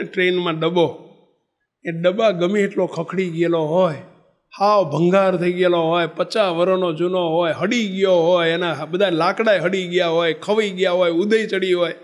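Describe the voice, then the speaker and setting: Man, high voice, devotional sermon, lively storytelling, addresses listeners. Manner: animated, chants drawn-out ecstatic exclamations. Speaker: spiritual leader giving a discourse.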